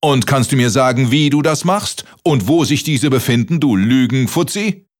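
A man voicing a huge, gruff male giant in a children's story, bellowing threats and insults. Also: on the low side, sing-song, unhurried, fairly bright tone, exaggerated voice. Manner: bellowing, threatening, name-calling.

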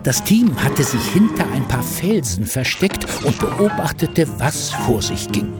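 A man narrating a scripted children's story in an expressive storytelling manner. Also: mid-range voice, a little slow, loud music behind the voice.

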